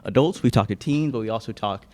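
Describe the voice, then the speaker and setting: Fast-talking enthusiastic man host. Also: mid-range voice, darkish tone. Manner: enthusiastic, appreciative. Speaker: podcast host. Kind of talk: casual conversation. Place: library room.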